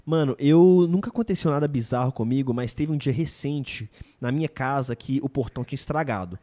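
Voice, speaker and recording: A man's voice: mid-range voice, fairly quick, dark tone. A man with a Brazilian Portuguese accent hosting a casual chat, slangy, acting out the people he quotes.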